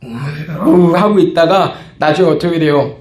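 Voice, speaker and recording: A man's voice: on the high side, expressive, moderate pace, darkish tone, echoey room. A man preaching a sermon as pastor, talking conversationally and acting out small scenes. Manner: conversational preaching, acts out quoted outbursts.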